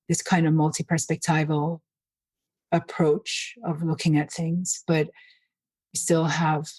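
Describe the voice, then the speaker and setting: Low, mellow woman guest author. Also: dry recording. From Finland, raised in Nigeria. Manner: thoughtful, measured, with some restarts. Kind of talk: reflective interview talk.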